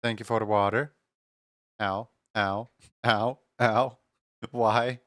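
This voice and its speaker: A man's voice: lowish voice, fairly even intonation, slow pace, fairly bright tone, no room sound, clean studio sound. A man hosting a livestream, talking casually to his viewers. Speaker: livestream host.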